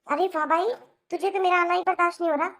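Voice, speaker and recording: A woman's voice: sits high, steady tone, moderate pace, natural voice. A woman voicing a sulky young married sister in a cartoon, complaining in an aggrieved way with a Hindi accent. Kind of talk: cartoon voice acting.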